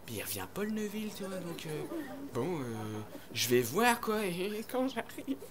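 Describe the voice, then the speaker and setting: A man's voice: high-pitched, very animated, normal speed, a crowd in the background. A man doing stand-up comedy on stage, telling a rambling, crude story full of slang and acted-out voices. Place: comedy stage before an audience.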